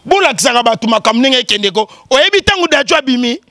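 A man hosting a show with animated commentary, teasing people, breaking into exclamations and laughs. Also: extremely high pitch, fast talker, no room sound, clean studio sound. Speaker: show host.

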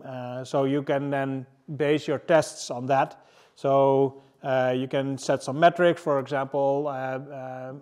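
An engineering manager gives a casual talk at a tech meetup in a large indoor room with a seated audience. His voice is a little high and darkish, and he halts often, with many fillers and restarts.

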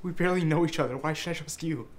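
A woman playing a timid young man terrified of dogs, shrieking in shrill panic in a comedy skit. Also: very fast, close to an everyday voice. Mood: wary. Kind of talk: amateur comedy skit acting.

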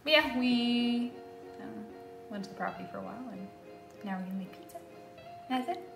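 A woman's voice: fairly high pitch, animated, fairly quick, vocal fry, music in the background, poor audio. A young woman vlogging casually at home, recorded on a phone camera, chatty and laughing easily between fillers. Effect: voice captured on a phone video. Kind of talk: casual chat.

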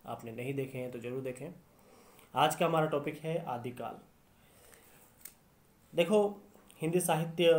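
A man's voice: mid-range voice, a little mellow. A man teaching Hindi literature in a lecture, explaining step by step and repeating key phrases. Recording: echoey room.

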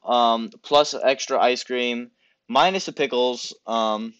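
A man's voice: medium pitch, slow, fairly bright tone, no room sound. A young man chatting casually with a friend, hesitant and stammering at times. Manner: hesitant, stammering, laughs along. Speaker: caller in prank video. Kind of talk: casual chat.

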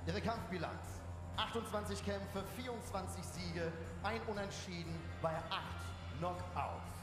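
Theatrical boxing ring announcer, man in echoing arena. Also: unhurried. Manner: theatrical, booming showman delivery. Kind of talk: boxing ring announcing, drawn-out shouted name calls. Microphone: handheld microphone. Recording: echoey arena PA with long reverb, music.

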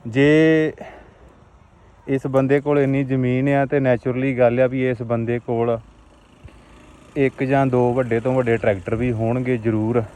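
Lamenting Punjabi man with mellow voice. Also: mid-range voice, little pitch movement, moderate pace. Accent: Majhi Punjabi. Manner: plaintive, lamenting and exhortative. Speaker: vlogger. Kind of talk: outdoor vlog appeal to viewers. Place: outdoors on a rural roadside.

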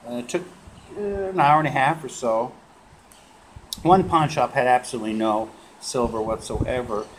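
A man showing off his coin purchases in a casual vlog, relaxed and rambling, with lots of filler sounds. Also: mid-range voice, normal speed. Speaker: coin collecting vlogger. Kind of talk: casual show-and-tell vlog. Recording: noisy home video recording.

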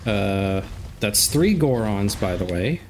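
Speaking slowly in a lowish voice, a young man with a cold-clogged nose jokes and chats through a casual let's play. Fights set off excitable outbursts. His desk microphone picks up a little hiss or hum.

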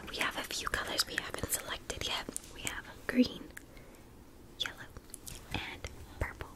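A young woman doing a whispered role-play close to the mic, with tingly ASMR mouth sounds between soft, repetitive, soothing phrases. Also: unhurried. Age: young adult. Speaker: ASMR video creator. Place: small indoor room. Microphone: close to the mic, facing camera.

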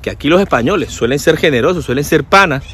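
A man's voice: on the high side, animated, fast talker, a bit bright, husky. A man giving casual sarcastic commentary, often mimicking people. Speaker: vlogger.

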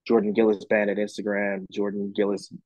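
A man with a low voice speaks into a dry, close mic as he answers an interviewer's questions. He talks loosely, wandering through his thoughts with plenty of fillers and restarts. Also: a little fast, dry recording, lo-fi sound. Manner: relaxed, rambling with many fillers and restarts. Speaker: musician guest.

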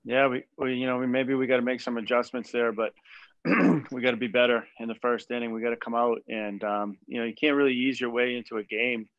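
A man in his forties, a head baseball coach, answering press questions after a game in a measured way with many fillers and restarts, over a video call from a small room. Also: medium pitch, steady tone, a bit bright, dry recording. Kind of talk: postgame press conference. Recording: dull dry video call audio.

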